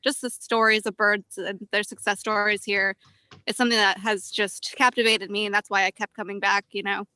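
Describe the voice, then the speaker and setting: Woman birder, bright tense voice, dry sound, slightly winded, chatty. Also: mid-range voice, level tone, moderate pace, clean tone, no echo. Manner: chatty, informal. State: a little out of breath. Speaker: birder on a field walk. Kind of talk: casual field report. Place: outdoors, walking.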